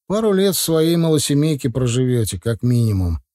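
A woman's voice: rumbling low, very animated, fairly quick, warm tone, no echo, studio quality. A man voicing a fretting young wife. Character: young married woman, worried about saving money.

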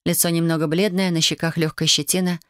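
A woman reading a first-person novel aloud in an even, measured storytelling manner. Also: on the low side, dry recording, clean studio sound. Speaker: audiobook narrator. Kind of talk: first-person scripted narration.

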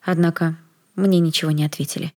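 A woman reading a first-person audiobook in a soft, even storytelling manner. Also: low voice, a little fast.

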